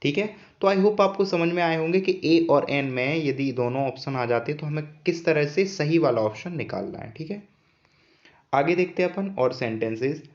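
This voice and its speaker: Speaking at an ordinary pace in a fairly high voice, a man gives a patient English grammar lesson, often repeating essential points as questions for his students. It's a dull, lo-fi recording.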